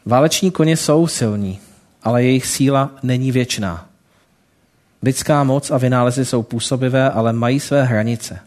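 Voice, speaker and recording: A man reading a calm wise old man. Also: medium pitch, close to an everyday voice. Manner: calm, gentle questioning.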